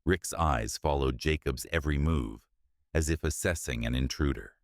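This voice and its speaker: A man narrating a scripted story in a steady, measured way. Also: very deep voice, no echo, studio quality.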